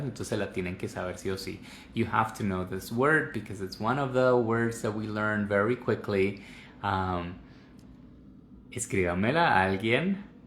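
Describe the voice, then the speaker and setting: A man's voice: on the low side, roomy sound, slight background noise. A man teaching English pronunciation in a live online class, explaining and repeating words over and over to demonstrate the sounds.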